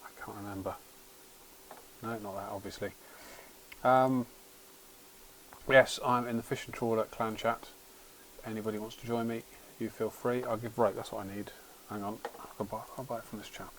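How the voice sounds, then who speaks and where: A man's voice: on the low side, steady tone, moderate pace, long pauses, a bit bright, slight background noise, low-quality recording. A man hosting a livestream, chatting casually while he plays a game, rambling and often restarting his sentences. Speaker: livestream host.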